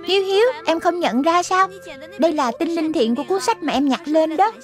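Faint music sits behind a woman's very high, lively voice as she dubs a little childlike lion spirit for a kids' cartoon. Talking a little fast, the character lays things out with earnest, patient, teacherly explanation.

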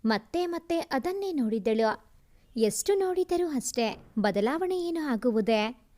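A woman with a high-pitched voice narrates a storybook aloud. Her reading is expressive and emotive as she carries the story along. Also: measured pace.

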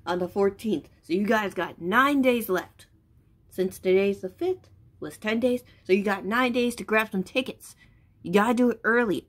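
A young woman vlogger chats informally to the camera in a small bedroom. Her voice has an average pitch for a woman, and she is recorded at about arm's length. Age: young adult. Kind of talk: casual chat to camera.

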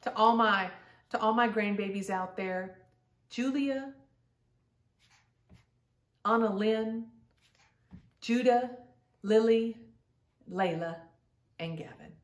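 In this home storytime, a middle-aged grandmother reads a picture book in the living room and speaks simply and directly to the young children listening. Her voice is a little high, and she goes slowly, pausing often. The microphone sits at a distance, giving a roomy echo.

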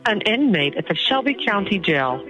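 Automated prison phone prompt from a woman, lively lilting delivery, muffled line. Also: medium pitch, soft background music. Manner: formal, measured prompts. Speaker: automated jail phone announcer. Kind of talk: recorded automated call announcement.

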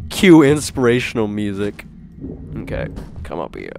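A man hosting a gaming channel, giving jokey, excitable let's play commentary and talking to himself. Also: lowish voice, a little slow, vocal fry, background noise.

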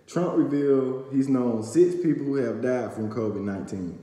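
A young adult man recaps the news to camera, reading aloud with stumbles and fillers, his medium-pitched voice dark in tone at a moderate pace. He records on a phone camera held at arm's length in a small room at home, which is echoey with long reverb.

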